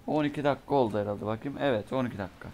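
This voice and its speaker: A young man giving let's play commentary on a horror game, talking to himself and cursing in bursts, his voice going hoarse from a sore throat. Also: medium pitch, rapid-fire, darkish tone, a little hiss or hum. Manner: mutters to himself, curses and reacts in bursts. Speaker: gamer playing a horror game.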